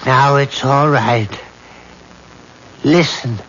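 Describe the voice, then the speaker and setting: An actor playing a very old, dying mystic who speaks in a solemn, portentous and insistent way in a drama. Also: male voice, medium pitch, fairly bright tone. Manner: very old man, slow and portentous. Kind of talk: period drama acting. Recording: dull, noisy old recording.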